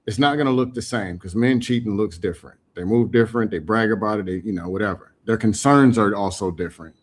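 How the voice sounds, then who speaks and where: A man steering a heated podcast talk. His voice is mid-pitched and plain. He keeps challenging the others with pointed questions. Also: fast talker. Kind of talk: heated debate.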